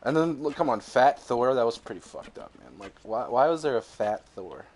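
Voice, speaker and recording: A man's voice: medium pitch, lively intonation, moderate pace, a little mellow, a little hiss or hum. A young man co-hosting a podcast in casual chat, rambling and swearing freely, laughing often. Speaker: podcast co-host.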